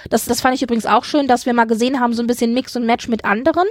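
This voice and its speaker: A woman hosts a podcast, walking through a TV series review in an analytical, point-by-point conversational discussion. Her voice is a little high and steady, delivered rapid-fire, with no echo and studio-quality sound.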